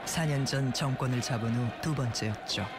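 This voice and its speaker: A man reads scripted documentary narration in a measured, formal way. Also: mid-range voice. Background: loud background music.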